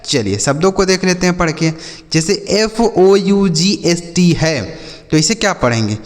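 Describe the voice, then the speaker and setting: A man teaching a classroom reading drill, his voice sitting fairly high. He asks the learners a question, then answers it himself and repeats the sound. The room gives his voice a long, ringing reverb. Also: lively intonation, normal speed. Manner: addresses learners as children and brother. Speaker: English teacher. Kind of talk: classroom phonics lesson.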